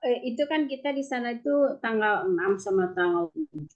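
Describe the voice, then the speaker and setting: A woman's voice: on the high side, animated, quick pace, dull audio. A woman asking a question in an online meeting, her voice breaking up over a bad internet connection and speaking hesitantly. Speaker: training participant asking a question. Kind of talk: casual online meeting talk.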